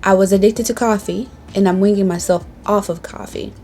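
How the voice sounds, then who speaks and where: A woman's voice: medium pitch, fairly even intonation, brisk, dark tone, faint music behind. A young woman from Tanzania chatting casually to camera in a get-to-know-me video, bold, playful and sassy. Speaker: beauty vlogger. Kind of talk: casual sit-down chat to camera. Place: indoors at home, reading from a tablet.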